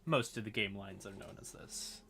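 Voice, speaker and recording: Howdy and y'all pepper this man's folksy, rambling livestream talk as he explains things casually and mutters to himself. He speaks at a normal speed in a fairly low, creaky voice, with music softly in the background.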